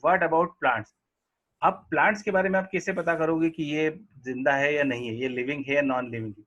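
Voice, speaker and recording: A male teacher lecturing on a textbook chapter, reading English lines slowly and explaining each in Hindi with frequent tag questions. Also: medium pitch, a bit bright. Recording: dull lo-fi audio.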